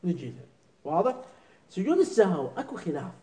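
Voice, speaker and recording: A man teaching a religious jurisprudence lesson, often stopping to ask his students whether it is clear and to quiz them. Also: high-pitched, sing-song, quick pace, mellow, rough recording. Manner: keeps asking students "clear?" and quizzing them.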